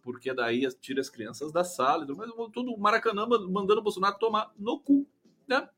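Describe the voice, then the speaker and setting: A man's voice: high-pitched, very animated, a little fast, bright, forceful tone, faint music behind. A man with a Brazilian Portuguese accent hosting a live stream of casual political commentary, sarcastic and profane, often ending phrases with a tag question.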